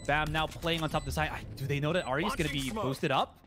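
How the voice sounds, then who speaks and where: A man's voice: fairly high pitch, quick pace, music in the background. A man doing live esports play-by-play commentary as a caster, reacting to the action in a conversational way.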